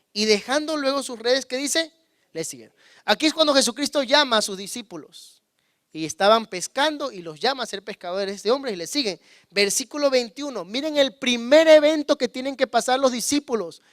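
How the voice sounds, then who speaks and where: High-voiced preaching man, dry sound. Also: dry recording. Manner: calls on the congregation to repeat words; swings between loud emphasis and hushed low asides. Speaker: pastor. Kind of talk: sermon.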